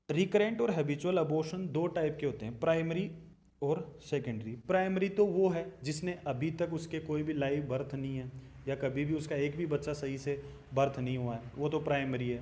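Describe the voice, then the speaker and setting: A man's voice: a little high, mellow. A young man with an Indian accent teaching nursing exam material, asking questions and answering them himself. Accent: Indian English. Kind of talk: recorded lecture.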